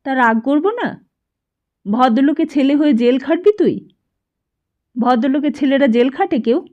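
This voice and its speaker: Woman doing a scolding high-pitched mother. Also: lively intonation. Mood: indignant scolding. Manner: exclaiming, scolding, quick to anger. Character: scolding middle-aged Bengali mother, sharp-tongued. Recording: dull lo-fi recording.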